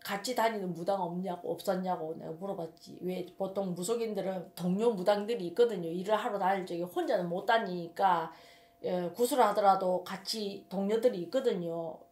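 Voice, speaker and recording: Woman shaman, Gyeongsang accent, emphatic rambling storyteller, mid-pitched, recorded with room echo. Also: fairly quick, darkish tone. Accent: Gyeongsang Korean. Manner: emphatic, rambling, repeats words. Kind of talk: casual storytelling monologue. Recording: roomy echo.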